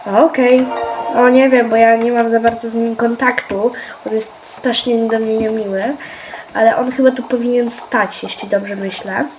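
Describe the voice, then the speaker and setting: A woman's voice: fairly high pitch, steady tone, music in the background. Young woman with a stuffy cold nose. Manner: chatty, swears lightly, reads quest text quickly. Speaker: gaming video creator. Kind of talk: casual gameplay commentary reading dialogue aloud.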